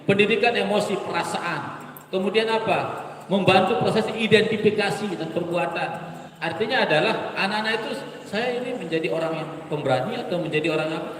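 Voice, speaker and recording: A man training Quran teachers in a workshop, explaining storytelling with lively, animated delivery. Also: high voice, slight background noise. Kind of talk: workshop lecture. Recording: echoey hall, distant mic.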